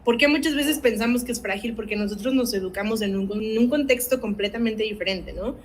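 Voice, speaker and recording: A fairly high-voiced woman leads a parenting workshop. She speaks earnestly and keeps turning to her listeners with rhetorical questions and a quick "¿no?" tag. Her delivery is that of a teacher guiding parents. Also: a little hiss or hum, rough recording. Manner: earnest, asks the audience rhetorical questions, tags with "¿no?". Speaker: academic coordinator leading a parenting workshop.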